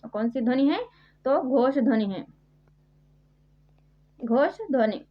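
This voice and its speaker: A woman runs through multiple-choice grammar questions at an unhurried pace, repeating each question and answer. Her voice sits high and is measured. The recording is dull and lo-fi. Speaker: Hindi grammar teacher. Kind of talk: quiz-style exam prep lesson. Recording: dull lo-fi sound.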